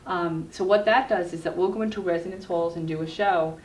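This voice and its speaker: A university health educator, middle-aged and female, earnestly explains her work as a guest in a conversational interview. Her lowish voice is a little mellow, fairly quick and fairly even in intonation. The cable TV recording comes from an echoey room, with a distant mic and faint noise.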